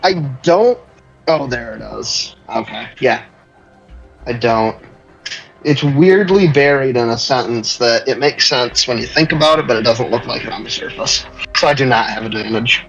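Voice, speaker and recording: A man's voice: mid-range voice, lively intonation, normal speed, vocal fry, fairly bright tone, dull audio. Male player, rambling casual chat, faint music behind. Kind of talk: casual tabletop game play.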